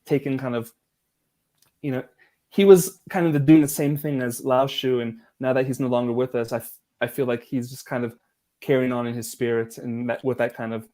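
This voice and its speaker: A man hosting a language-learning livestream, chatting in a relaxed, rambling way and laughing easily. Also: mid-range voice, fairly quick. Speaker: livestream host. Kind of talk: casual livestream chat.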